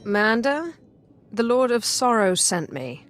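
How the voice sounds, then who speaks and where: An actress playing a menacing female Sith lord in a video game, speaking coldly and deliberately. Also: on the high side, big pitch swings, faint music behind. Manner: cold, threatening, deliberate.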